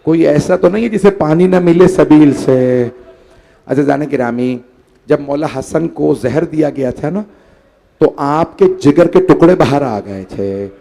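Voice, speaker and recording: A man's voice: on the high side, gravelly, mellow. A man delivering an emotional mourning sermon. He pleads directly with the mourners and sounds tired and short of breath. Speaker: preacher at a mourning gathering. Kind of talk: emotional majlis sermon recitation.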